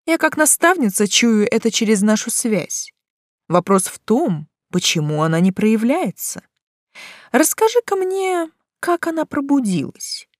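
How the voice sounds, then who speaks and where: A woman voicing a brash, pushy witch who mentors a young girl, scolding her with lively swings of pitch. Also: dry recording, clean studio sound. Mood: insistent.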